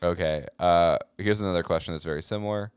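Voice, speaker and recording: Low-voiced teasing man on a podcast. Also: fast, clear, resonant tone, no room sound, studio quality. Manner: laughs often, teasing. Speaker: podcast co-host. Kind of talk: casual comedic chat, reading posts aloud.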